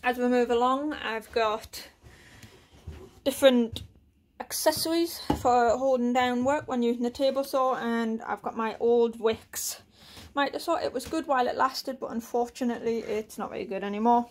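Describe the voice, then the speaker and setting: A UK woodworking vlogger gives a relaxed, casual tour of her small shed workshop, listing tools with lots of fillers while filming on a handheld phone. Her voice is on the high side and moderately paced, with a little hiss or hum in the recording.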